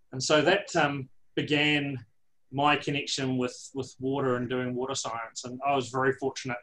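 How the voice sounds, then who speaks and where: Male, New Zealand accent, mid-pitched voice, conversational interview guest, dry self-deprecating wit. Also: a bit bright, rough recording. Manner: wry, self-deprecating humour. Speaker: interview guest, water science professor.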